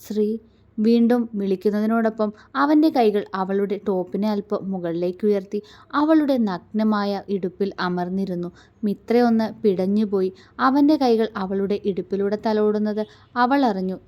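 A woman storyteller reading a romance story aloud in a soft, even manner. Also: mid-range voice, normal speed. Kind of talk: scripted narration of a romance story.

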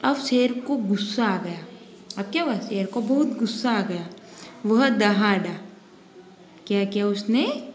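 A woman's voice: mid-range voice, lively intonation, a little slow, long pauses. A woman Hindi teacher giving a lesson, explaining step by step and repeating questions to the children. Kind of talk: online class lesson. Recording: echoey room with faint hiss.

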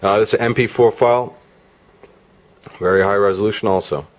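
Background music from demo videos plays on a player as a product reviewer walks through a gadget in a casual, off-the-cuff way. His lowish voice stays steady in tone, and he talks a little fast.

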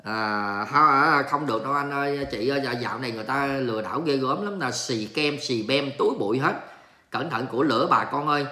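A man's voice: mid-range voice, sharp tone. A Vietnamese man hosting a casual livestream, reading viewer comments aloud and joking in an exclamatory way, mixing in English words. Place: home in Texas. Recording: echoey room.

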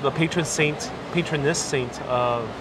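A man's voice: a little high, measured pace. A man with a mixed accent, a native Spanish speaker, hosting a casual livestream outdoors. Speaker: livestream host. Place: outdoors, evening streets and harbor. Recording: noisy outdoor street ambience.

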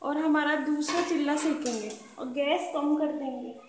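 High-voiced woman teaching a cooking recipe. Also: moderate pace, background noise. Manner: calm, patient instructional talk, repeats tips. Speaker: cooking channel host. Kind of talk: step-by-step cooking demonstration. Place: home kitchen at a gas stove. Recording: roomy kitchen echo with pan sounds.

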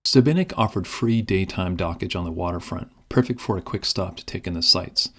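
A man giving calm, scripted narration for a sailing travel vlog. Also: deep voice, brisk, noisy background.

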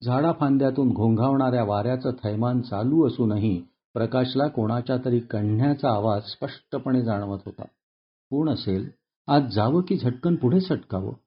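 Husky guy reading an audiobook, measured and dramatic, dull lo-fi sound. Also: mid-range voice. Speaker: audiobook narrator. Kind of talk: scripted narration.

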